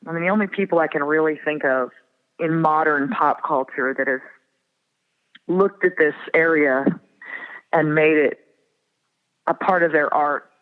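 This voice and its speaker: A woman in her forties from the northern prairie, reflective and often laughing softly as an interview guest. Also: low-pitched, unhurried, long pauses. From Minnesota and North Dakota border area. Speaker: guest singer-songwriter. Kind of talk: casual interview chat. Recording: tinny phone-like line with long reverb.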